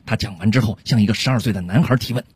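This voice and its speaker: A man's voice: fairly low pitch, racing, slightly rough, dry recording. A man narrating short comedy stories on a radio show in a storytelling manner.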